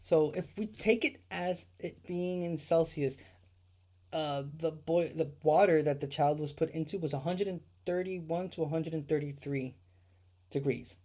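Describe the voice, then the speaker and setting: A man's voice: a little high, a little slow, warm tone. A man hosting a true crime livestream, ranting indignantly with swearing and rhetorical questions, repeating his points.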